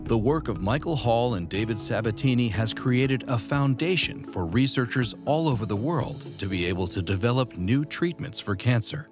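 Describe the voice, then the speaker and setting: A man giving measured, formal scripted narration for a news release. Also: medium pitch, animated. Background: music.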